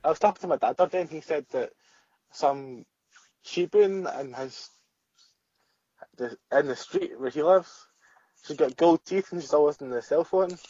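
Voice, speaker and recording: A man's voice: a little high, normal speed, long pauses, warm tone, dry recording, highs cut off. A man chatting casually as a guest, giving short, offhand replies. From Scotland. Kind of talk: casual chat.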